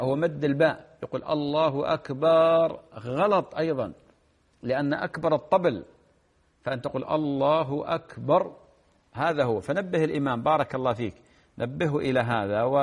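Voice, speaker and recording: On a call-in show, a man fields listeners' religious questions. His pitch is typical for a man, and he speaks unhurriedly, explaining with patience and drawing out the words in his examples, much like a cleric resolving everyday matters.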